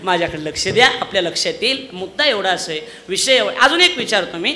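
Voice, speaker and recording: A man preaching a comic devotional sermon on stage, loudly acting out the voices of villagers in his stories. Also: sits high, fast. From Maharashtra, India. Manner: loud, animated storytelling, acting out villagers' voices. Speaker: kirtan preacher.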